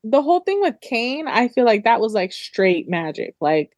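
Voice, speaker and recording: Chatty higher-voiced woman, dry sound. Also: big pitch swings, moderate pace, darkish tone, no echo. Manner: chatty, heavy use of "like" fillers. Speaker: book discussion co-host. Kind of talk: casual book club chat.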